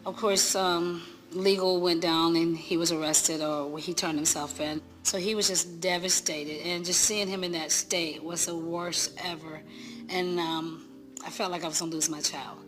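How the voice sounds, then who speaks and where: Middle aged mom tellin it all emotional, kinda low voice. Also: female voice, steady tone, soft background music. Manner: emotional, rushed, retelling events. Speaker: interviewee, subject's mother. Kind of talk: documentary interview.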